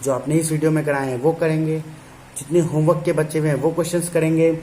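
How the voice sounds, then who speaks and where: A male teacher voicing his own students in a playful, softer tone. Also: on the high side, level tone, quick pace, slight background noise, close to an everyday voice. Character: his students, eager young class.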